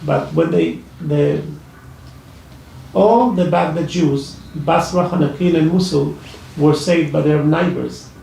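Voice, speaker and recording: His voice is gravelly, warm and slightly high; he's from Iraq and carries an Iraqi Arabic accent. At a public discussion in a library event room, he offers personal testimony haltingly, with lots of fillers and false starts. A far-off mic and an echoey hall shape the sound, along with slight background noise.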